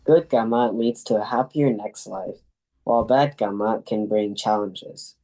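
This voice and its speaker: A man's voice: lowish voice, measured pace, mellow, low-quality recording. A young man reading a prepared talk as a student presenter in a class.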